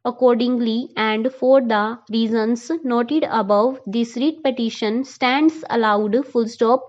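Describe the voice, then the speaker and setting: A woman reading a court judgment as steady shorthand dictation, saying each full stop and bracket aloud. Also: a little high, lo-fi sound. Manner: measured, reads punctuation aloud. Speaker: dictation reader. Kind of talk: legal dictation at a set pace.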